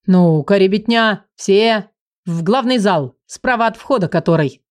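A woman's voice: mid-range voice, expressive, unhurried, close to an everyday voice. A woman voicing a fussy male house spirit who bosses children about. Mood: bossy. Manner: bossy, clapping to order children.

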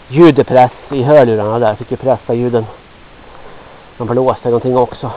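A man in his sixties from Sweden rambling gruffly to himself on a walk through a forest, sweaty and a little out of breath. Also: mid-range voice, darkish tone, slight background noise. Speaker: vlogger. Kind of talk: rambling walk-and-talk monologue. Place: outdoors in a forest. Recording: dull lo-fi outdoor recording.

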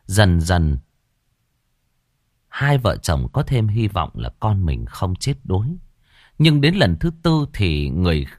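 A man's voice: sits low, darkish tone, no room sound. A man reading a scripted audiobook story in a dramatic storytelling manner, shifting into character voices.

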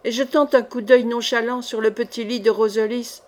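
A woman narrating a classic swashbuckling novel in a measured, expressive reading voice. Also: on the high side. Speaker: audiobook reader.

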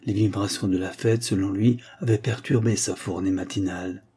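A man reading an audiobook aloud in measured, even narration. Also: lowish voice, husky. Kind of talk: scripted narration.

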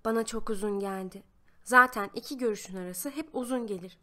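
Woman, fairly high voice, audiobook narration, expressive child's-eye storytelling. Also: fairly quick. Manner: reads a child's first-person letters with lively, expressive shifts. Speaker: audiobook reader. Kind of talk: scripted narration.

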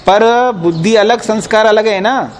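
A man's voice: sits high, a little slow, slight background noise. A man teaching a philosophy class, explaining texts patiently and pressing his students with firm questions. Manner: explains patiently, quizzes listeners, firm and insistent. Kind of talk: classroom lecture on scripture.

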